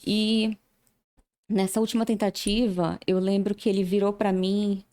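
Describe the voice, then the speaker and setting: A woman's voice: medium pitch, little pitch movement, unhurried, dark tone. A woman giving earnest personal testimony as a podcast guest, often acting out remembered dialogue.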